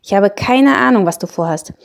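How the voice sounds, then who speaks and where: A woman voicing a practical, doubtful young boy in a storybook reading, quick and matter-of-fact. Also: mid-range voice, animated, vocal fry. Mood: brisk.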